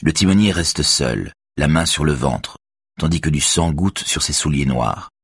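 A man narrating a thriller audiobook in a measured, even reading. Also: extremely low pitch, husky, no echo, studio quality.

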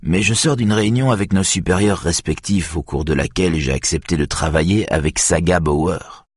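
A man voicing a calm, measured male detective. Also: husky, dry recording, studio quality. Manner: calm, low-key.

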